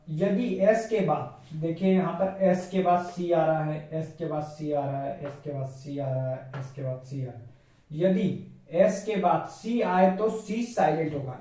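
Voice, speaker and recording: A man teaching a spoken vocabulary lesson, explaining slowly, repeating words and asking rhetorical questions. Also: high voice, warm tone. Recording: very echoey room, voice far from the mic.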